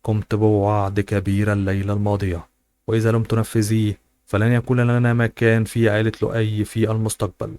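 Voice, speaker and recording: Man reading a nervous son, low, flat. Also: fast talker, natural voice. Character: anxious young man Ahmed, browbeaten son.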